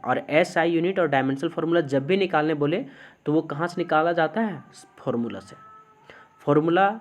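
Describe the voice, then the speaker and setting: A male physics teacher, giving a classroom lecture. He keeps asking the class questions, answers them himself, and slows down to dictate definitions. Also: a little high, darkish tone, muffled recording.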